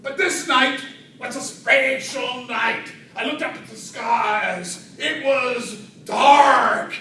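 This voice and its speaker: Competing as a storyteller at a Toastmasters club, a man delivers a funny tall tale in a very high, bright voice, drawing out his words for effect with dramatic pauses and swells. He's in an indoor room with an audience, and a distant mic captures very roomy sound with faint noise.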